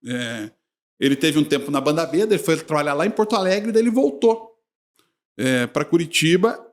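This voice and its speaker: Animated storytelling man, high lively voice. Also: moderate pace. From Brazil. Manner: animated anecdote-telling, laughs often. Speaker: podcast guest, sports journalist. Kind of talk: casual storytelling chat.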